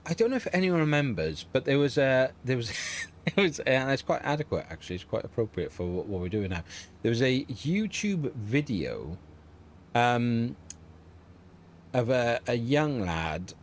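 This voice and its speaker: Middle-aged streamer, low but bouncy delivery, chatty and rambling, quick to laugh. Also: male voice, a little hiss or hum. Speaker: livestream host. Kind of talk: casual livestream chat.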